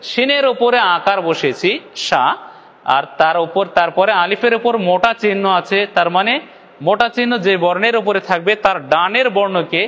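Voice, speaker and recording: High-voiced man teaching recitation, reverberant. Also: fairly bright tone. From Bangladesh. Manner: asks questions and answers them himself; drawn-out demonstration syllables. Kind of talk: step-by-step lesson.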